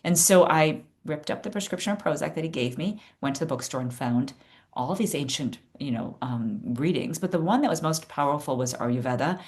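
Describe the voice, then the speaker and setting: Woman, fifties, fairly low voice, earnest storyteller, podcast guest. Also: animated, brisk, a little mellow. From United States (Chicago). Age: 50s. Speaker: guest neurologist. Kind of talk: podcast interview.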